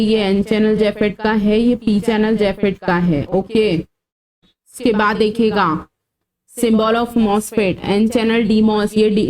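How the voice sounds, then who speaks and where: Over poor audio, a woman of medium pitch and slightly mellow tone works through formulas step by step in an online engineering exam-prep lecture. She drills what to memorize, uses English terms, and scolds students about their comments.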